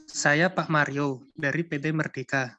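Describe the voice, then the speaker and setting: A formal, polite businessman acted by a man phones in to leave a message in a scripted role-play. The voice sits a little high, and the sound is close and dry. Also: steady tone, a little slow, bright, forceful tone, dry recording. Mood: businesslike, polite.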